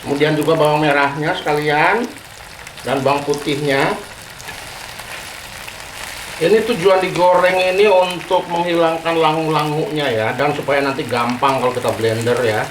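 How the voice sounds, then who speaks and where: Frying sizzles in the background as this Indonesian-accented cooking host, using Sundanese words, walks through a home recipe in a friendly, talkative way, ending phrases with "ya." His slightly high voice is steady and normal-paced, with long pauses, a roomy sound and slight background noise.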